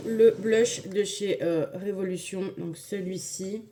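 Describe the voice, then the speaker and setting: In a very noisy recording, a woman with a mid-range voice casually guides viewers through a makeup tutorial. She is chatty and enthusiastic about the products, with plenty of fillers and hesitations.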